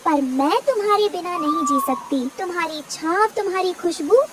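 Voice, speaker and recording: A woman's voice: very high voice, moderate pace. A woman voicing an anxious, devoted mother bird in a cartoon, pleading and fretful. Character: worried mother bird, young female, devoted. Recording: distant with faint noise.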